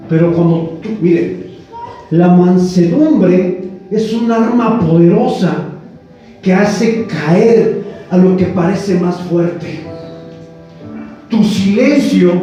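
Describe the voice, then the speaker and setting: Pastor, male, high voice, preaching in a very echoey church from a distant mic, soft music behind. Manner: storytelling with rhetorical questions to the congregation. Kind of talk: sermon. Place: church hall.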